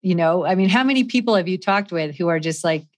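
A woman with a very low voice hosts a podcast interview. She speaks in a conversational way and often restarts her sentences as she puts her questions to the guest. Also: lively intonation, quick pace. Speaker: podcast host.

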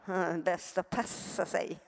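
A woman's voice: fairly low pitch, little pitch movement, vocal fry. A woman giving an earnest personal testimony to a live audience, often turning to them with direct questions. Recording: long hall reverb.

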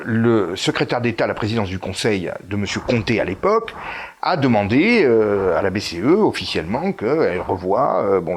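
Fairly low in pitch, this male voice comes with a little hiss or hum in the audio. He is an Italian guest in a political interview who speaks hesitantly with many fillers and restarts, punching key words with emphatic rises.

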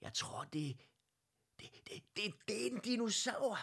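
A man's voice: medium pitch, bright, forceful tone, pitched above the performer's own voice. A man voicing a timid young teddy bear girl who stammers with worry. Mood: worried.

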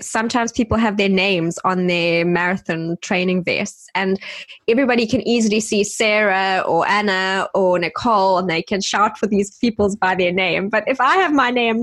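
A chatty woman co-hosting a podcast, her voice at a middle pitch for a woman. She talks casually and breaks into high giggles often. The sound is dry and close, with no room echo. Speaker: podcast co-host.

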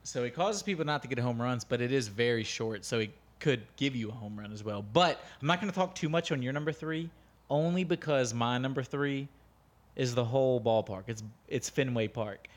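A man's voice: mid-range voice, fairly quick. An American man co-hosting a podcast, opinionated and blunt, swearing freely in casual banter. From United States. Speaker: podcast co-host.

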